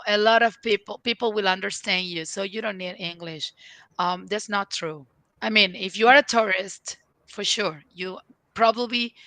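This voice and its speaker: A woman leadership coach talks casually on a panel. Her voice is bright and forceful, and it sounds dry and close. She rambles, restarting often and saying "like" a lot. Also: medium pitch, dry recording, rough recording. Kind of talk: casual online panel talk.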